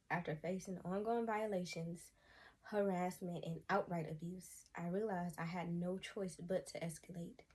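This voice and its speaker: A young adult woman speaks to camera in a husky, slightly low voice. She delivers a personal testimony in an earnest, heartfelt way, sighing often and addressing her viewers as y'all. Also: a little mellow. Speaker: vlogger giving personal testimony.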